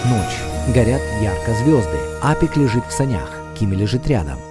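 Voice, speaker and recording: A man's voice: medium pitch, very animated, normal speed, music in the background. A man reading scripted audio description of the action in a film. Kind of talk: scripted narration of on-screen action. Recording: loud film soundtrack behind voice.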